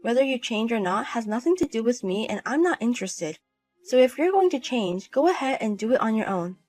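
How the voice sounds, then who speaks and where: A woman with a fairly high voice, acting out a scripted drama with a cold, cutting and dismissive manner. Soft music plays under her lines. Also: big pitch swings, brisk. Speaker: narrator and wife in a voiced story.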